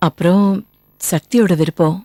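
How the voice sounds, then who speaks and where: An actress playing a gentle older aunt who speaks calmly and firmly about her niece in a TV serial. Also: lowish voice, lightly acted. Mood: measured. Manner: calm and measured. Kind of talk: TV serial acting. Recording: TV soundtrack with music underneath.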